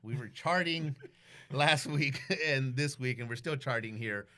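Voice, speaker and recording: This man of Guatemalan background, bilingual in English and Spanish, is a podcast guest in a casual storytelling interview. He tells stories bluntly, with lots of profanity, and acts out the quoted dialogue. His medium-pitched voice is pushed and bright, at a measured pace.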